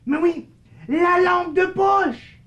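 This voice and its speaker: A woman's voice: very high-pitched, extremely slow, a bit bright, lo-fi sound, full character voice. A woman voicing a mischievous male living shadow with a teasing, slightly haughty manner, in a children's puppet show.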